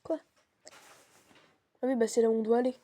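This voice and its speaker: A woman's voice: fairly high pitch, steady tone, brisk, warm tone. A woman streaming a horror game, chatting casually and slangily as she reacts to the game with a partner.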